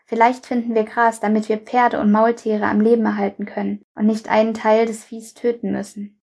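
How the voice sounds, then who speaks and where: A woman's voice: on the high side, level tone, moderate pace, gravelly, a little mellow, slightly rough. A woman voicing a worried male king who gives orders to his steward, read plainly in a Bible reading. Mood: commanding.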